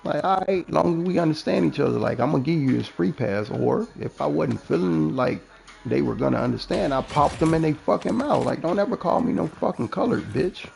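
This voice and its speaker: Gravelly man telling profane stories. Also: a little high, fairly quick, faint music behind. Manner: profane, animated, acts out quoted dialogue. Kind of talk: casual storytelling chat.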